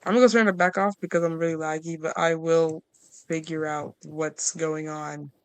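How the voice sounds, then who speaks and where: A casual gameplay commentator talks through their progress in a loose, rambling way, breaking off and restarting sentences. The voice sits at a middle pitch and has a playful, joking manner with viewers. The recording is dry, with no room echo. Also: steady tone, moderate pace, clear, resonant tone. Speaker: gameplay video creator.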